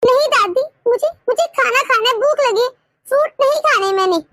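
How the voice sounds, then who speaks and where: Squeaky little cartoon girl, whining, very high, voiced by a woman. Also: animated, a little fast, a bit bright. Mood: whining hungry. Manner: whiny, pleading.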